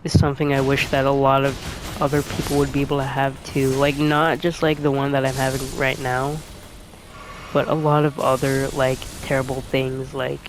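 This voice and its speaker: Over background noise, a young streamer talks at a moderate pace in a medium voice that barely moves in pitch. His soft-spoken commentary while playing is rambling and hesitant, packed with fillers like "like" and frequent restarts.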